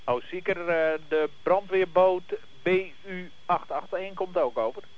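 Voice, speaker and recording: A man's voice: high-pitched, measured pace. A man working as a coast guard radio operator, heard over a marine VHF radio transmission, speaking in clipped, formal call-and-answer radio procedure. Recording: dull radio line with loud static.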